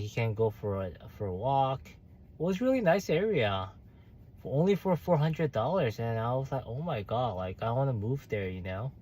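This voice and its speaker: A man's voice: medium pitch, a little mellow, slight background noise. A young man, chatting casually on a livestream while reading viewer comments, hesitant with many fillers and restarts. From South Korea. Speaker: livestream host.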